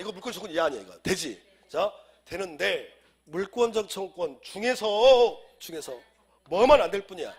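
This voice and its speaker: A man with a cold, speaking in a high voice, lectures an exam-prep class on civil law. He drills the students with call-and-response and keeps firing rhetorical questions.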